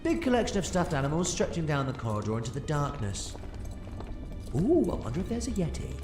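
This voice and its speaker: A man's voice: a little high, very animated, a little fast. A man acts out an eccentric, theatrical adventurer in an audio drama. His voice swoops wildly between grave protectiveness and playful glee, set in a roomy echo with music underneath. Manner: theatrical, swinging from grave to gleeful.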